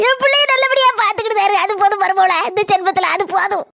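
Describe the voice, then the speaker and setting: A woman's voice: very high voice, fast, vocal fry. A woman playing a doting, weepy old village mother-in-law in a comedy sketch, melodramatic and tearful.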